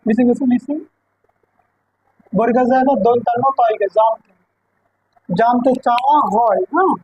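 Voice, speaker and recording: A woman with a Bengali accent leads a coaching-center English lesson in a high, bright voice. She explains grammar step by step and keeps asking her students whether they understand. The sound is close and dry. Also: moderate pace, no echo, poor audio. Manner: checks understanding with repeated questions to students.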